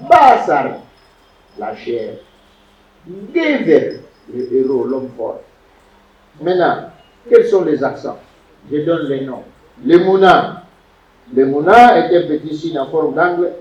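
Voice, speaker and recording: Teaching biblical Hebrew grammar, a man repeats words and quizzes the class throughout his lecture. His voice is a little high and a little mellow, unhurried with long pauses, and the classroom recording sounds roomy, distant, dull and lo-fi.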